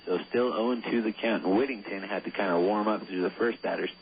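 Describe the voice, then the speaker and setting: A man's voice: fairly low pitch, brisk, husky. A man giving color commentary on a baseball radio broadcast, easygoing and chatty, with casual asides. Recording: phone-line quality with faint hiss.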